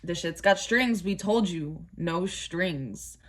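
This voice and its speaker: A sick-sounding woman voicing a blunt, unbothered rehab intake staffer in a lower, flatter voice. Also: slow, slight background noise. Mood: dismissive.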